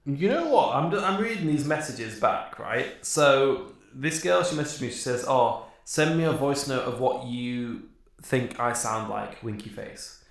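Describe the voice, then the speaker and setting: A man's voice: mid-range voice, expressive, a little slow, gravelly. A young man co-hosting a podcast. He rambles through a story, swears casually and laughs often. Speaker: podcast co-host. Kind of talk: casual chat. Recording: very echoey room.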